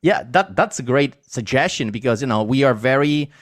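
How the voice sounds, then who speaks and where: A man's voice: mid-range voice, animated, moderate pace. Italian-accented man hosting with enthusiasm. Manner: enthusiastic, laughs often, mixes in Italian. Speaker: podcast host. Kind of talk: casual interview chat.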